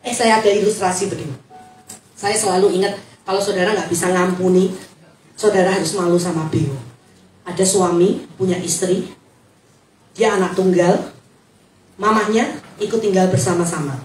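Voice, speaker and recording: A woman pastor, preaching a lively sermon and joking with the congregation. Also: fairly low pitch, normal speed, long pauses, slight background noise. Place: church hall. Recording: echoey hall, distant mic.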